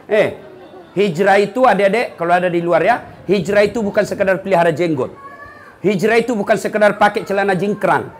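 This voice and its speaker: Lively high-voiced Indonesian preacher. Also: male voice, a little fast, a little hiss or hum. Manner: lively, jokey, teasing the crowd. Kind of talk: humorous sermon.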